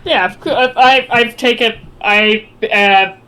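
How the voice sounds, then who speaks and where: A woman plays in a tabletop game in a somewhat high voice. She speaks slowly and casually, chatting through her character's choices. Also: sharp tone, clean tone. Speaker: player. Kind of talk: tabletop role-play.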